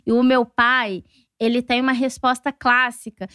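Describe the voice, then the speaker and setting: Brazilian lady cohost, high pitched, dry sound, acts out family quotes while chatting. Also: moderate pace, clean tone, dry recording. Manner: animated storytelling, acts out relatives' lines. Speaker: podcast co-host. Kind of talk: casual chat.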